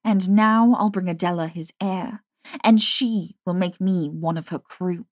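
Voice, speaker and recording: A woman's voice: fairly low pitch, fairly even intonation, measured pace, dark tone, dry recording, studio quality. A woman narrator voicing a bitter, vengeful young woman who speaks with cutting scorn. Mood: furious.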